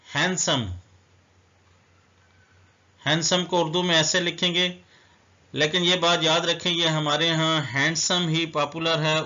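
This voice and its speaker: A man's voice: a little high, sharp tone, muffled recording. A man teaching a vocabulary lesson. He spells each word letter by letter and explains what it means. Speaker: English teacher. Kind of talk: slow, deliberate vocabulary lesson.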